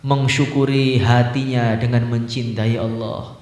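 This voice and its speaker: A man preaching and telling a story dramatically, swinging between quiet telling and loud outbursts. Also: mid-range voice, little pitch movement, measured pace. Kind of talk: sermon storytelling. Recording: echoey room.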